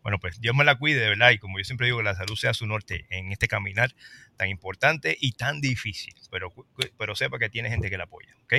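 A man hosting a casual talk show, lively and reading out viewer comments. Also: fairly low pitch, fairly quick, gravelly, a little hiss or hum. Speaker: host.

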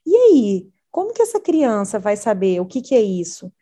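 Earnest Brazilian woman with a mellow voice. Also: medium pitch, normal speed. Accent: Brazilian Portuguese. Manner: earnest, animated storytelling. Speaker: parent educator. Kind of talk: conversational interview talk.

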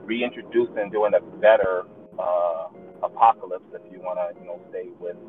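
A man's voice: sits low, steady tone, normal speed, distant mic, soft background music. A man calling in on a tinny line that sounds like a tin can, talking loosely and hesitantly while driving his car. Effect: tinny phone-like sound, like talking through a tin can. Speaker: call-in panelist. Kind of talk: casual chat. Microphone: remote call mic.

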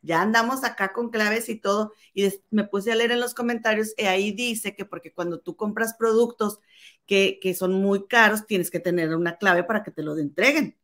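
Mexican woman, podcast co-host, animated gossip storyteller. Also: mid-range voice, moderate pace. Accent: Mexican Spanish. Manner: animated storyteller, acts out quoted voices. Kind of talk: casual gossip chat.

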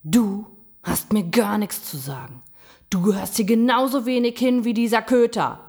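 A woman voicing an enraged forest creature that screams high and strained. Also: moderate pace, a little mellow, slightly rough. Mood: threatening. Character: furious shouting forest creature, the Gram.

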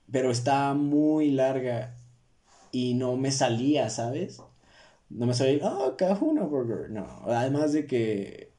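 A man's voice: medium pitch, warm tone. Young Mexican male podcast host, casual joking monologue, self-deprecating, slang-heavy. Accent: Mexican Spanish.

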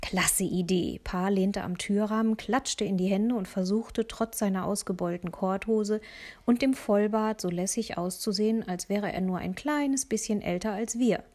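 A woman narrating a children's audiobook in the first person, lively, with soft breathy asides. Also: medium pitch, normal speed.

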